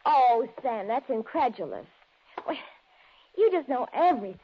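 A woman's voice: fairly high pitch, sing-song, moderate pace, slightly rough, full character voice. An American woman playing an adoring, naive, girlish secretary in a 1940s radio detective drama. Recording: dull vintage radio recording.

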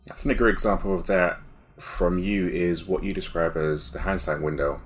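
A male podcast host with a very deep voice, warmly affirming what his guest says before moving to the next question. He talks in a relaxed conversational way. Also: moderate pace, a little hiss or hum. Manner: enthusiastic, affirming interviewer. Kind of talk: interview chat.

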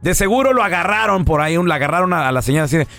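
A man hosting a radio talk show, joking and animated in casual banter. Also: very fast, gravelly, no echo, faint music behind. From Mexico. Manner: joking, animated, swings up and down in pitch.

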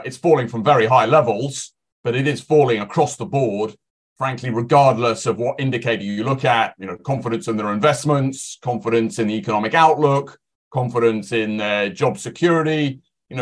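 A man's voice: medium pitch, moderate pace. A man speaking as an analyst on a podcast, giving conversational market commentary. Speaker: financial analyst guest.

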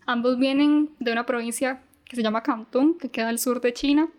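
A young woman, a university student, talking calmly as a podcast guest. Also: a little high, fairly quick. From Costa Rica. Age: young adult. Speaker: podcast guest, Mandarin teacher. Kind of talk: casual podcast chat.

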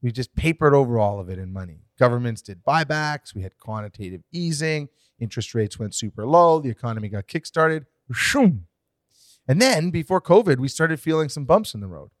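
A man co-hosting a casual podcast chat, explaining current events in an animated, swinging way. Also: medium pitch, fairly quick, dry recording, clean studio sound. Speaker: podcast co-host.

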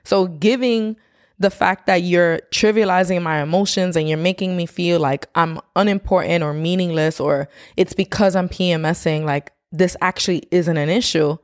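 A woman co-hosting a podcast, chatting in an animated, opinionated way. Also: on the low side, normal speed, no room sound, studio quality. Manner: animated, opinionated, laughs often. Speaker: podcast co-host. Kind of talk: casual chat.

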